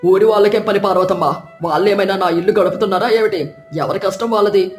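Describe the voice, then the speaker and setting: A woman's voice: medium pitch, fairly even intonation, quick pace, pitched below the performer's own voice, lightly acted. A woman voicing a stingy village husband who grumbles and scolds. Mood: grumbling stingy. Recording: roomy, distant, with soft music.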